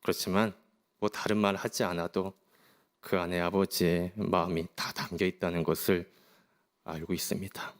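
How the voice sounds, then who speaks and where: A middle-aged man from South Korea, a pastor preaching a sermon in a gentle, reflective storytelling manner. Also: deep voice, little pitch movement, normal speed.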